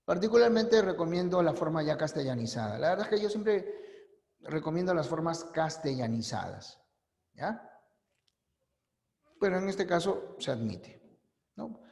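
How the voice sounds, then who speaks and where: A man teaching a language class, explaining rules slowly and emphatically and repeating the key points. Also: a little high, expressive, vocal fry, a little mellow. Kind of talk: recorded class lecture. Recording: echoey room with long reverb.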